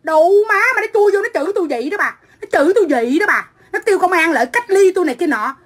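A woman's voice: extremely high pitch, lively intonation, quick pace. A middle-aged woman from Vietnam, delivering a profane, combative livestream rant into a phone. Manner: profane, combative, shouting insults.

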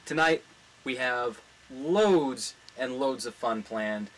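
A man in his twenties, drunk, hosting a podcast with crude, deadpan jokes in an irreverent casual chat. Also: mid-range voice, takes it slowly, rough recording. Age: 20s. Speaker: comedy podcast host. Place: small indoor studio with green backdrop. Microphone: large desktop studio microphone.

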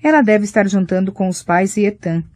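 A woman narrating a first-person romance audiobook in a soft, reflective way. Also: mid-range voice, expressive, brisk, no echo.

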